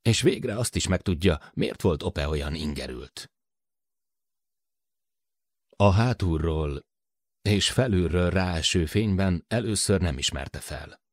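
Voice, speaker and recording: Deep-voiced male audiobook narrator. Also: dry recording, clean studio sound. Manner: measured, expressive storytelling. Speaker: audiobook reader. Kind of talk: scripted narration.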